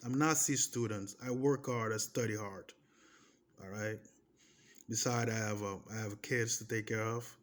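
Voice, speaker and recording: In a casual monologue, a vlogger in his thirties, whose first language is Portuguese, talks in accented English at normal speed with a lowish, steady voice. He's emphatic, restarting phrases and repeatedly asking "okay?" to drive his points home.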